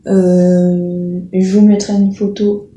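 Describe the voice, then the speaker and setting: A woman's voice: lowish voice, little pitch movement, takes it slowly, dark tone, faint music behind. A woman chatting casually to her viewers, hesitant and full of filler sounds and self-corrections. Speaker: video creator. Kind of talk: casual chat presenting riding-school horses. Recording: roomy echo.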